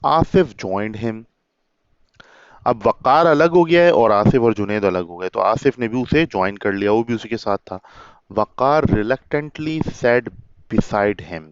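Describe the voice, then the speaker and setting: A man with a clear, resonant, lowish voice teaches English by reading a children's story aloud. He reads each English line slowly, then explains it word by word in Urdu-Hindi, addressing the listener as a child and calling them beta. The recording is dry and the audio dull.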